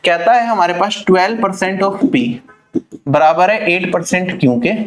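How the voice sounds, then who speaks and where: A man teaching an online maths lesson for exam prep, working through problems step by step and checking in with his students. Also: high-pitched. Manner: brisk, explains step by step and checks in with listeners.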